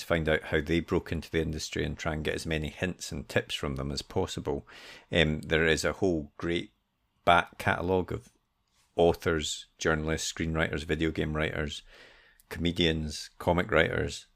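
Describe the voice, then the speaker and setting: Very deep, gravelly man. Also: fairly bright tone. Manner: loose, rambling delivery with many fillers. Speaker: podcast co-host. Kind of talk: casual podcast intro chat.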